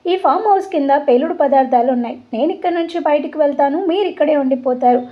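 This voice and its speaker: A woman voicing a scheming older male villain, speaking with calm, measured menace. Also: sits high, highs cut off, natural voice. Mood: menacing.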